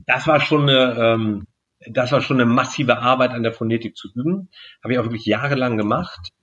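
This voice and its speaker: A man being interviewed as a guest, explaining at length in a measured way with frequent fillers. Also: medium pitch, a bit bright, muffled recording. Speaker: guest speaker and magician. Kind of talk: podcast interview answers.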